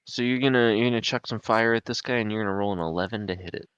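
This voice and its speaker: A man with a very deep voice runs a tabletop game over an online call, hesitating with frequent ums. He narrates the fights with joking sports-commentator flair, and the sound is close and dry. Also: very fast, a bit bright, clear, resonant tone, dry recording, muffled recording. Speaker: game master.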